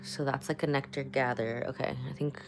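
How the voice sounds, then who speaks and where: A woman's voice: a bass voice, fairly even intonation, a little fast, noisy background. A woman talking casually and candidly as a beauty vlogger, muttering little reassurances to herself as she gets ready. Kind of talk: casual get-ready-with-me chat. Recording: music playing behind the voice.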